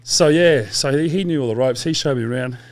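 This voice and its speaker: A man's voice: mid-range voice, a little fast, dry recording. A man, a podcast guest telling long stories in a casual, rambling way with quoted asides and swearing. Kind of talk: casual interview chat.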